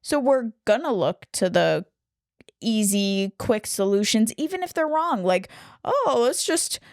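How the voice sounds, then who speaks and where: A woman co-hosting a relaxed film podcast, talking through ideas with sarcastic asides and frequent laughs. Her voice sits at a middle pitch. It is recorded dry, with little room sound. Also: a little slow, no echo. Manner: sarcastic, explanatory, laughs often. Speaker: podcast co-host. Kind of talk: casual film discussion podcast.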